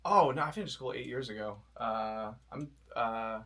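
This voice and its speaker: A man's voice: mid-range voice, moderate pace, pushed and bright. Rambling, curious man in his twenties. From Florida. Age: 20s. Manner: curious, rambling, analytical questions with many fillers. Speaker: comedian guest. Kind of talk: casual chat.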